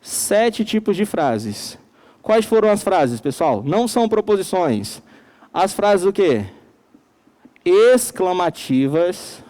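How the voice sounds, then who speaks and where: A male teacher with a Manaus accent gives a recorded classroom lecture, leaning on each key word. His voice sits high yet sounds mellow and soft-edged. He keeps posing questions to the class and supplying the answers himself. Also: big pitch swings. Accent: Brazilian Portuguese, Manaus. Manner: slow and emphatic.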